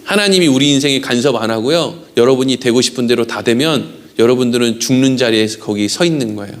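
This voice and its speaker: A man's voice: medium pitch, fast talker. A male pastor preaching a sermon, who keeps asking his congregation questions and answering them himself. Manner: acts out quoted prayers in a raised voice.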